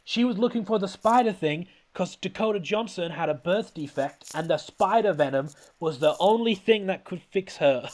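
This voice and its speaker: Rambling, animated man recapping a movie. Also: sits high, moderate pace, hardly any pauses. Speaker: podcast host. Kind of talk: casual comedic movie recap.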